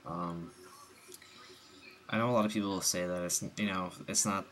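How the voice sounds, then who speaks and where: A man's voice: deep voice, fairly even intonation, moderate pace, a bit bright, slight background noise. A young man with the hiccups giving a rambling, casual game review voice-over, full of ums and restarts.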